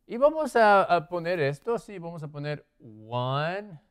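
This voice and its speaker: This teacher's voice is high, clean, and expressive, and he talks at a slightly slow pace. He's a man giving an English lesson who keeps asking "¿sí?" and "¿ok?" to check on his class, moving about as he writes on the board.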